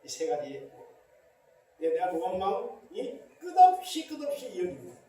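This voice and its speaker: A middle-aged Korean pastor preaching a sermon with emphatic rhetorical questions, recorded in a large church hall. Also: male voice, sits high, huge pitch swings, measured pace, warm tone. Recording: very echoey church hall, distant mic.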